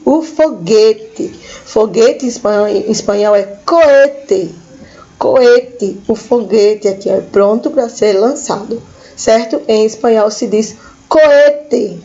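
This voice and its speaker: A woman's voice: on the high side, mellow, muffled recording. A woman teaching a school lesson, patiently repeating each word for her pupils. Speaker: Spanish teacher.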